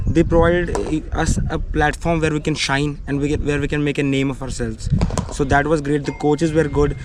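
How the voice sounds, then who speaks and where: A young man with a Kashmiri accent answers interview questions politely, often adding "you know". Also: on the high side. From Srinagar, Kashmir. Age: young adult. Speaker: junior cricketer being interviewed. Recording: clear background ambient noise.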